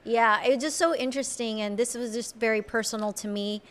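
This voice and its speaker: A woman's voice: fairly high pitch, fairly even intonation, fairly quick. A woman from Colombia, a native Spanish speaker, speaking as a podcast guest. She talks in a reflective, earnest way, often restarting her sentences. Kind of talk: casual conversational interview.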